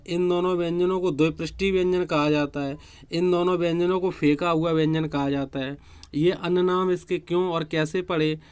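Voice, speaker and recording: A man runs an online exam-prep grammar quiz for students, repeating each question and its answer. His voice is a little high and smooth.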